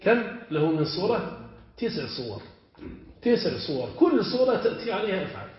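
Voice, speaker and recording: Male teacher, higher voice, methodical lesson delivery, lo-fi recording. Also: big pitch swings. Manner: explains step by step, quizzes students with quick checks. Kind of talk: classical Arabic grammar lesson. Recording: echoey, dull lo-fi lecture recording.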